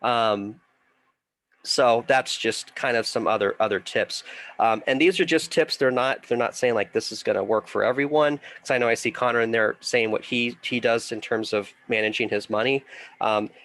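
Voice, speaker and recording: A man's voice: mid-range voice, moderate pace, fairly bright tone. A middle-aged man, congested, teaching a casual online investing class and rambling with fillers and restarts.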